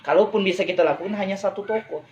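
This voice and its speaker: A man gives a persuasive business talk to a live online audience, repeatedly asking listeners whether they agree and repeating phrases for emphasis. His voice sits high with a darkish tone, and he speaks at a quick pace. There's a little hiss or hum in the background.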